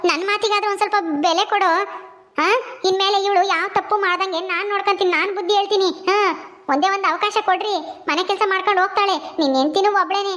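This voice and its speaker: Woman voicing an older village aunt, scolding and coaxing, very high voice, brisk. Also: steady tone, a bit bright.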